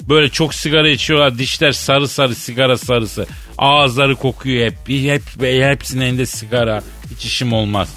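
A man's voice: mid-range voice, steady tone, normal speed, few pauses, sharp tone, soft background music. A man hosting a comic radio show, playful and theatrical, drawing out words for effect.

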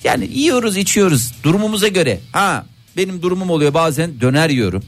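Playful man with lively pitch. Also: fast, soft background music. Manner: playful, teasing, mock-preachy rhetorical questions. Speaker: podcast co-host. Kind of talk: comedic podcast chat.

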